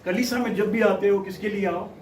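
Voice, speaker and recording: A man's voice: high voice, fairly even intonation, fairly quick, background noise. A man preaching a sermon, calling on the congregation to repeat words after him. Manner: preaches in bursts, cueing the crowd to repeat words. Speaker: pastor. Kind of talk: sermon with call-and-response. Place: large hall, church. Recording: echoey hall, mic far, crowd.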